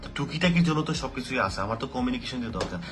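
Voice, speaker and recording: A man giving an animated talk about learning English, asking rhetorical questions and slipping English phrases into his speech. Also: mid-range voice, very fast. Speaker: English teacher. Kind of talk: motivational talk to camera.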